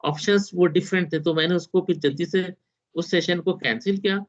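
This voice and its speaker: A man's voice: high-pitched, steady tone, racing. A man teaching an online university class over a video call, explaining step by step and mixing in English technical terms. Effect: heard over a video call. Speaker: university lecturer. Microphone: laptop on video call. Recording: dull video call audio.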